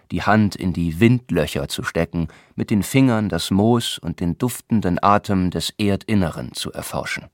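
Low-voiced man narrating an audiobook. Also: dry recording, studio quality. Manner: calm, measured literary reading.

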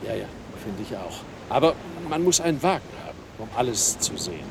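An actor playing a talkative, over-friendly American tourist in a radio play. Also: male voice, on the low side, sing-song, brisk, gravelly, noisy background. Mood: jovial. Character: chatty middle-aged American tourist man.

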